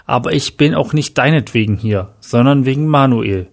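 A man's voice: mid-range voice, moderate pace, gravelly. A man voicing a cold, spiteful estranged mother in a read-aloud story. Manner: cruel, falsely sweet.

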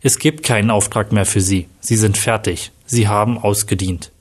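A cold, commanding male voice on the phone, giving orders and threats, as a male storyteller reads him. The tone is husky and slightly breathy. This is a voice in a read-aloud story. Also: lowish voice, normal speed. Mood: menacing.

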